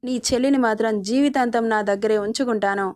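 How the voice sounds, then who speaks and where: A woman's voice: fairly high pitch, a little fast, darkish tone, dry recording, studio quality, close to an everyday voice. A woman voicing a cruel controlling young man. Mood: menacing. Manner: threatening, taunting. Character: menacing young male villain, controlling and cruel.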